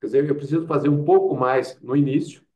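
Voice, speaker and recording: Fast and mellow, this man's medium-pitched voice stays fairly even in intonation and sounds distant from the mic. He has a Brazilian accent and is a doctor and public health expert giving a conversational interview, full of anecdotes, rhetorical questions and quoted asides.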